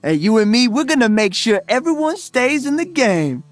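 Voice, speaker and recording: In this video game voice line, an actor plays an upbeat, cocky young male DJ hero. His very high voice swings widely in pitch at a moderate pace, breezy, exuberant and full of slang, with a friendly mood and faint music in the background.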